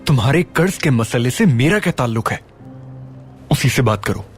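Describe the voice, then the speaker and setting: An actor dubbing a calm, scheming man who speaks in a dismissive way. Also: medium pitch, moderate pace, soft background music, natural voice. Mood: cool.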